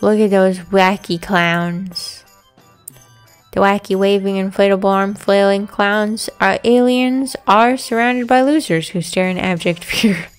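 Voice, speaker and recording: A woman's voice: medium pitch, fairly even intonation, unhurried, smooth. A woman narrates a story game aloud and drops in casual asides of her own. Music plays behind the voice.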